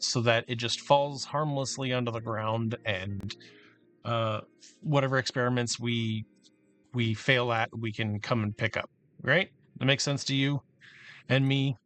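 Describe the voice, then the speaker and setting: A man giving casual, halting commentary while he plans a build in a game, thinking aloud with many restarts. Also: mid-range voice, a bit bright. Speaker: gameplay commentator.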